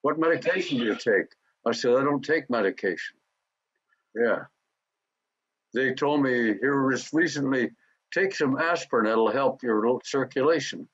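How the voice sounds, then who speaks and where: A very old man in his nineties tells his wartime memories in a husky, breathy voice. He talks haltingly and often stops to restart his words. The recording is dry and dull, like lo-fi tape. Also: medium pitch, lively intonation, fairly bright tone, dry recording. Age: 90s. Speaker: war veteran interviewee. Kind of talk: recounting memories in an interview.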